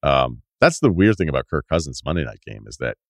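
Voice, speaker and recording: A man's voice: rumbling low, big pitch swings, fairly quick, vocal fry, no room sound, clean studio sound. A man hosting a sports podcast, chatting casually and reading out listener emails.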